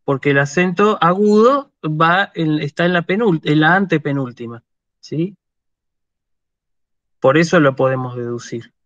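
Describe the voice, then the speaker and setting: A man's voice: on the high side, measured pace, a bit bright, no echo. A man with an Argentine Spanish accent giving an online university lecture, patiently checking in with his students as he explains. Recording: dull lo-fi dry sound.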